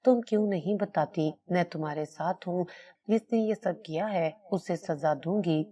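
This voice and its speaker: A frightened, protective mother pleads and frets in this storybook tale, as a woman narrator reads her. The voice sits a little low and sounds mellow. She speaks anxiously. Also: natural voice. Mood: anxious pleading. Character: desperate, protective mother, middle-aged woman.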